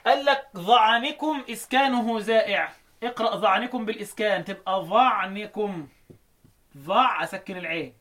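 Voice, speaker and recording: A man with an Egyptian Arabic accent teaching a lesson on recitation readings, asking questions and answering them himself, chanting verses slowly. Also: high-pitched, sharp tone.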